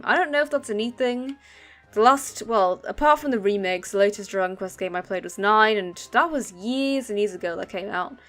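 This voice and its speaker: A woman giving casual let's play commentary, explaining game controls with many ums. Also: mid-range voice. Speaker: gaming channel host.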